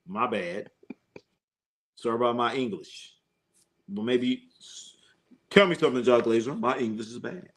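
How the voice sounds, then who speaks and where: Speaking at medium pitch, this man takes his time and leaves long pauses. He's hosting a live sports stream, reading comments and casually bantering with viewers and a co-host, full of jokes, slang, and filler words.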